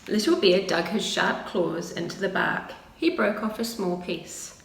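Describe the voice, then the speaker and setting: Filmed from a short distance in a small, plain indoor room, a middle-aged story-time reader narrates a picture book with lots of expression for preschoolers. Her voice is on the low side, unhurried and gravelly, and the audio sounds roomy with faint background noise.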